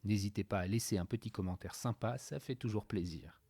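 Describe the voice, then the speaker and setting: A man with a lowish, warm voice hosts an interview podcast, talking a little fast. He addresses both the listener and his guest informally through the introduction and the conversational interview.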